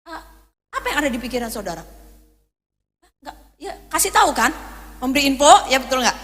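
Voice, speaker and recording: A woman's voice: sits high, very animated, fairly quick, a bit bright, long reverb tail. A woman pastor preaching a sermon, telling stories and acting out quoted voices as she speaks to her congregation. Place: church hall.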